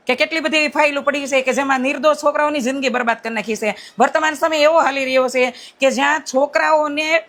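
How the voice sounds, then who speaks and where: A middle-aged woman, speaking straight to her viewers in a blunt, forceful, defiant tone and often checking with them by asking "right?". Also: high voice. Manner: repeats rhetorical "right?" checks. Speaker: vlogger addressing critics. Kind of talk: impassioned direct-to-camera monologue.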